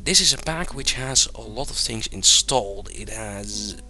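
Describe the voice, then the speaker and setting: Soft music plays behind a young Dutch man as he loosely narrates a game tutorial over his screen. His fairly low, gravelly voice moves at an unhurried pace, and he rambles with many fillers and frequent chuckles.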